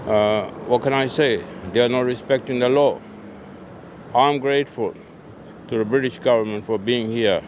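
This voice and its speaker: On a city street, an older Pakistani man answers a street interviewer bluntly, complaining about his area in simple phrasing. His voice is medium-pitched at a moderate pace, with street noise in the background.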